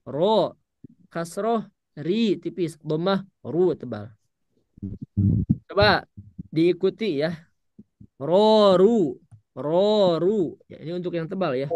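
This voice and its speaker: A man leads an online Quran recitation class, stretching syllables slowly for students to copy. His voice sits high, and the sound is dry and close with no room around it. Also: dry recording. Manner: drawn-out demonstration of syllables, patient drilling. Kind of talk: online tajwid lesson.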